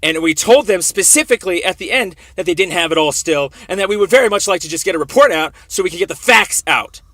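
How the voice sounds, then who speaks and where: Pitched high and pushed, with a bright quality, a man's voice comes through quick and animated with no room sound at all. He's a complainant on the phone to police internal affairs, repeating his grievance insistently and frequently interrupting the other speaker.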